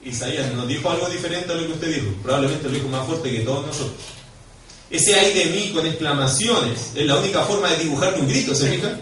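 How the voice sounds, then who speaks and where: Chilean male pastor, lively sermon delivery, questions the flock, recorded from afar in a reverberant church with faint hiss. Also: fairly high pitch, quick pace. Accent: Chilean Spanish. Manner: animated, swings from quiet to loud and emphatic; questions and prompts the congregation directly. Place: church hall. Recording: echoey church hall, mic far off.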